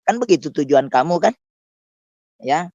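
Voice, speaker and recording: A man who is a pastor, talking in a scornful, preachy way on a talk show and jumping up in pitch to stress a point. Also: expressive, normal speed, darkish tone, no room sound. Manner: scornful, with sudden pitch jumps for emphasis. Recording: dull dry lo-fi recording.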